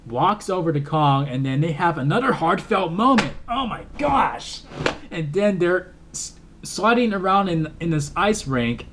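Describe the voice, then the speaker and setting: A man's voice: mid-range voice, a little hiss or hum. Rambling man retelling a movie plot. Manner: rambling, filler-heavy retelling with emotional asides. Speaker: movie reviewer. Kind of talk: casual film review.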